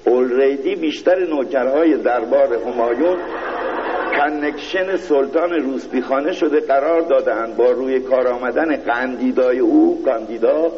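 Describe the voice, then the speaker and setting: A man's voice: medium pitch, lo-fi sound, slight background noise. Man reading a mock-pompous satire. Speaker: reader of a satirical piece. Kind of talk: satirical reading in mock-royal court Persian.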